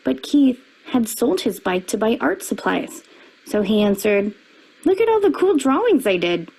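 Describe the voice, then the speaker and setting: Reading a children's picture book at a moderate pace, a woman uses her slightly husky voice expressively, pitching up for the characters' dialogue. The audio is poor.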